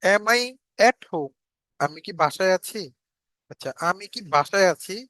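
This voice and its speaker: A man teaching a spoken English lesson, slowly repeating English example sentences and then translating them. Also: high-pitched, bright, forceful tone, no room sound, poor audio.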